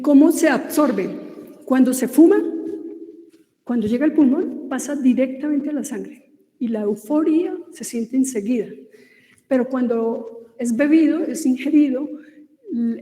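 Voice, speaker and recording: A woman's voice: high-pitched, measured pace, warm tone. A woman with a Colombian Spanish accent giving an informal lecture, talking conversationally with many fillers and restarts. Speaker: lecturer on cosmetic ingredients. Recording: echoey room with long reverb.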